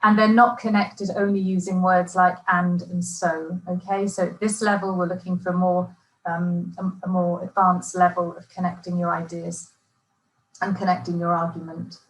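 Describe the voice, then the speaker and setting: A woman's voice: lowish voice, level tone, moderate pace. Chatty woman presenter in an echoey room. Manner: chatty and encouraging, with frequent fillers and restarts. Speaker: teacher trainer presenting an exam webinar. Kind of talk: webinar presentation.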